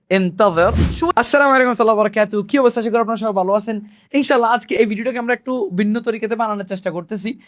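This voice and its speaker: A man teaching Arabic phrases in a lesson video, repeating each phrase slowly and mixing in English words. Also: sits high. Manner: sprinkles religious phrases through his talk.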